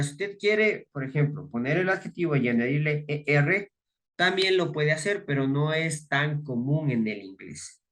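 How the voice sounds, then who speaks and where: A man teaching English grammar in a recorded lesson, explaining each step patiently and often checking for understanding. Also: fairly high pitch. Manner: reads English words slowly and clearly, then gives the Spanish meaning.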